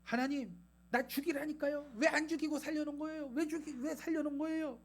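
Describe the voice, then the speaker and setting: A man preaching a sermon, voicing a sulking, furious prophet who begs to die, in a shrill shouted complaint. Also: fairly even intonation, fast talker. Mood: angry whining. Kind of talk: sermon storytelling.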